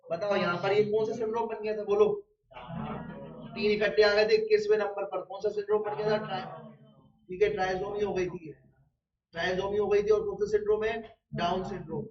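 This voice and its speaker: A man's voice: sits high, level tone, brisk, long pauses, a little mellow. A man teaching a biology lecture who keeps asking the class questions and answering them himself, using everyday examples. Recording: roomy, distant and dull-toned.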